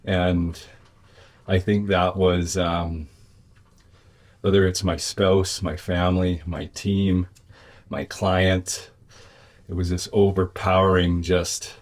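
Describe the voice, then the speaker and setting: Male interview guest, business owner type: deep, level voice, reflective and conversational, feeling out his words. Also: little pitch movement, takes it slowly, pauses often.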